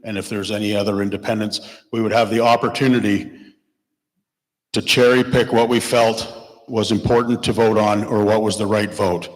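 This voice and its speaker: In a church hall with a long, echoing reverb, an independent election candidate answers a question from the audience. His voice is lowish and his intonation fairly even at a normal speed, and he replies passionately and plainly.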